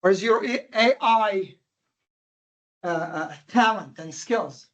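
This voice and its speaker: A man from Jordan with a Jordanian accent giving a classroom lecture, animated and emphatic, firing questions at his students. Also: high-pitched, takes it slowly. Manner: animated, emphatic, quizzing the audience with rhetorical questions. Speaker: university lecturer.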